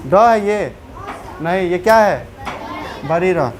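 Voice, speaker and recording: A woman's voice: fairly low pitch, animated, takes it slowly, a faint crowd, slight background noise. Woman teacher quizzing a class. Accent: Bihari Hindi. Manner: asks questions and checks understanding often. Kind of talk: classroom grammar lesson.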